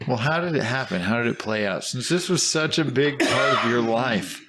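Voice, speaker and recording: A man's voice: mid-range voice, lively intonation, moderate pace, fairly bright tone. A man hosting a podcast in casual, joking and teasing chat, swearing freely. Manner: profane. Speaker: podcast host.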